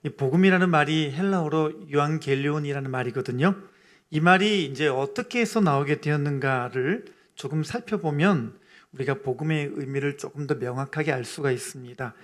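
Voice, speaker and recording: A man's voice: a little high, a little fast. A male pastor preaching a sermon in church. He explains things patiently and builds to emphatic exclamations.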